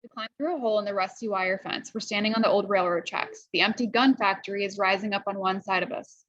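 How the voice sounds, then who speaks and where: A woman reads a novel aloud for students and stops now and then to explain a phrase. Her voice is bright and clear, close to the mic in a dry space. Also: mid-range voice, fairly even intonation, fast talker, no room sound, muffled recording. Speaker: reader.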